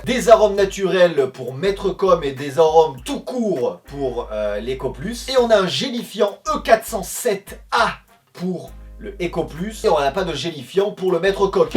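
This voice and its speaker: A man's voice: sits high, far from the mic. A man from France chatting through a casual food comparison vlog, talking to viewers as friends, with lots of fillers and asides. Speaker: food review vlogger.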